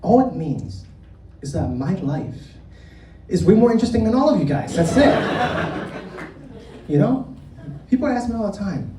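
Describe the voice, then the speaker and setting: Vietnam-born comic, bouncy delivery, roomy club heard from a distance with clear crowd noise. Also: mid-range voice, very animated, moderate pace, long pauses. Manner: teasing, talks straight to the crowd. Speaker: stand-up comedian. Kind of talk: live stand-up set with crowd work. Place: comedy club stage. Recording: roomy live club from far off, audience noise.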